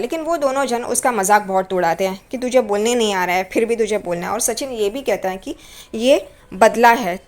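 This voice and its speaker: A woman retelling a TV serial episode, voicing the quoted lines with a bit more energy. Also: a little high.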